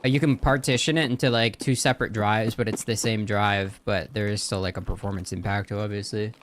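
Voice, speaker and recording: A man's voice: lowish voice, steady tone, fairly quick, slight background noise. A man talking casually as a livestream host, in a slangy, profane frat-bro manner.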